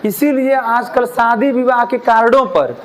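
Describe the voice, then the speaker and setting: A man's voice: very high-pitched, unhurried, a faint crowd. A male teacher, lecturing a class in a classroom, questioning the students and joking with them. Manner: asks the class questions, jokes and mimics lisping children.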